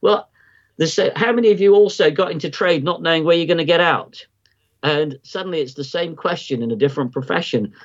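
A man's voice: on the high side, a little fast, lo-fi sound. A man guest on a podcast, explaining at length in a conversational way, with lots of ums and restarts. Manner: rambling, many ums and restarts. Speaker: podcast guest, market timing analyst.

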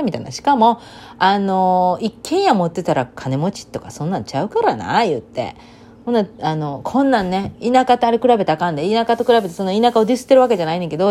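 A woman with a thick Kansai accent, talking solo in a loose, chatty monologue. Her voice sits fairly low and mellow, and her pitch swings widely as she tells stories. Now and then she slips into sharp dialect outbursts. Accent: Kansai, Banshu dialect. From Kansai region of Japan. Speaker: vlogger. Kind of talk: casual monologue.

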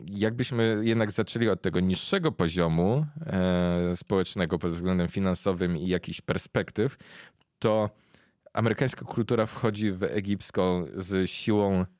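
Young man, podcast host, lowish voice, thoughtful, frequent pauses for words, dry close recording. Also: a little mellow, no echo. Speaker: podcast host interviewing a guest. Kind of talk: casual conversational explanation.

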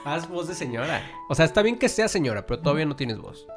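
A man's voice: fairly high pitch, very animated, fast talker, faint music behind. A man with a Mexican accent, co-hosting a podcast, who rambles, jokes and cuts in with his own thoughts. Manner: rambling, joking, interrupts. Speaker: podcast co-host. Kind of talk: casual chat.

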